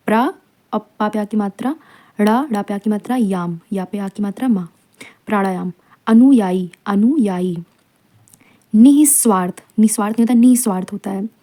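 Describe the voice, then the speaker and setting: A woman teacher runs an exam revision lesson on spelling, voiced over slides on a close microphone. Her voice is mellow and warm at a middle pitch. She repeats each word slowly and spells out its letters and vowel marks one by one.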